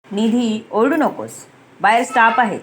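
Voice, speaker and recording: A woman's voice: fairly high pitch, animated, unhurried, a little hiss or hum. A woman voicing an arrogant young male boss who speaks sternly and threatens in a story reading. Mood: menacing.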